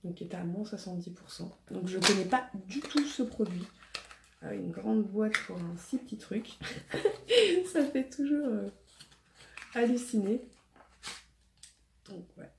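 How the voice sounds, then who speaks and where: This beauty vlogger talks a little slowly at a medium pitch, with vocal fry and long pauses, as she chats hesitantly through a casual haul video packed with fillers. A slight cough lingers from a recent illness. Her echoey room adds faint noise to the audio.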